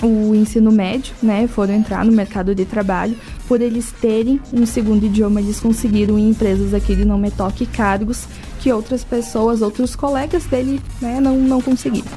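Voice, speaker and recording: Soft music sits behind a woman with a mellow, slightly high voice who talks fairly quickly, with fairly even intonation and few pauses. She is a language-school guest in a radio interview and has a southern Brazilian accent. Her explanations are didactic, often with rhetorical questions and check tags.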